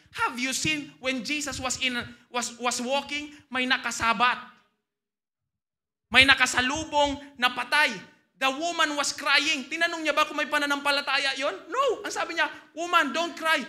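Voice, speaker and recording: A man with a Filipino accent preaching a sermon as pastor, swinging from loud exclamations to hushed asides. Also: extremely high pitch, normal speed.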